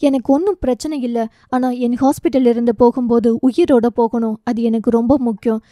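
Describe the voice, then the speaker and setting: A woman voicing a brisk, commanding female surgeon who scolds and gives orders. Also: fairly high pitch, fairly even intonation, warm tone, dry recording, studio quality, natural voice. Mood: stern.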